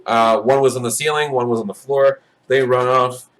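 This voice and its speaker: Casting note: an everyday male dungeon master, mid-range voice, casual and halting delivery. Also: medium pitch, steady tone. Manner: loose and halting, full of ums and uhs. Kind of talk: narrating a tabletop game.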